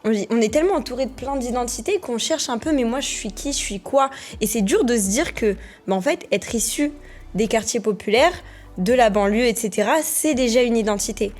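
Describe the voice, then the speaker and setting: A woman's voice: fairly high pitch, animated, fairly quick, a little mellow, faint music behind. A young woman hosting a podcast interview, thinking aloud, searching for her words and asking open questions. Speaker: podcast host. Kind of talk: conversational interview.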